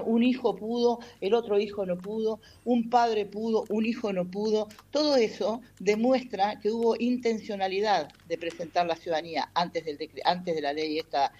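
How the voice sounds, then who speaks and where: In a radio-style interview, a woman from a patronato explains a legal matter, often hesitating and filling gaps with "este". Her voice is medium-pitched and warm. The audio is dull.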